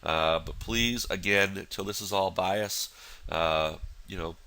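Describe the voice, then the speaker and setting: A deep-voiced man with a bright, forward edge to his tone, sounding stuffed up and nasal from a cold. He talks through his trades in a loose, rambling way, full of "you know" and restarts. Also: slow. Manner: rambling, many fillers and restarts. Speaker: futures trader. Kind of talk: casual market analysis walkthrough.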